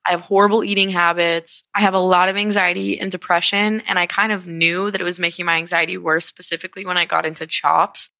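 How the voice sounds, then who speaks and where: This twenty-something podcast host from Connecticut talks fast and with few pauses in a low, vocal-fried voice that's pushed and bright but shows little pitch movement. Her casual solo show is candid and rambling, full of fillers and swearing, and she sounds congested and sniffly. No room sound is audible.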